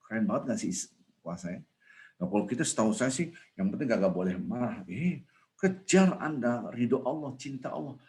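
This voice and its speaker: A man preaching a casual, jokey sermon, swinging from loud emphatic rises to soft asides. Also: mid-range voice, a little fast. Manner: animated, with sudden loud rises and soft drops; jokey, conversational teaching.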